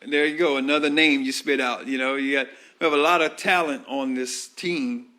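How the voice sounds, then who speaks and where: A man's voice: medium pitch, steady tone, moderate pace, sharp tone. A man interviewing a player at halftime, asking friendly, rambling questions full of fillers. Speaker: sideline interviewer at a high school football broadcast.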